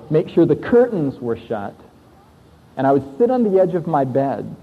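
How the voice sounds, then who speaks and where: A man telling his life story as an earnest sermon testimony, reflective, with emphatic pauses. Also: a little high, husky. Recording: tinny, lo-fi recording in a long-echoing hall.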